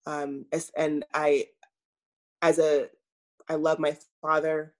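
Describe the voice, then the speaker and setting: A woman coach speaking as an interview guest, measured and earnest, pausing often with fillers. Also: low voice, level tone. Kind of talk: reflective interview talk.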